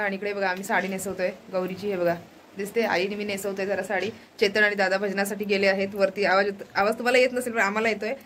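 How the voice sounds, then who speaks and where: A woman's voice: medium pitch, a bit bright, a little hiss or hum. A woman chatting to her viewers as she films her family's festival preparations at a village home, sounding worn out from travel and a headache. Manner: chatty, addresses viewers directly. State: tired with a headache. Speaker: vlogger. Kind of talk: casual family vlog narration. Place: village home during monsoon rain.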